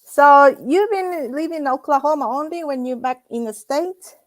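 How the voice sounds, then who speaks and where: A woman hosting a casual interview, talking in a halting, chatty way with many restarts. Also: high-pitched, no room sound. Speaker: host.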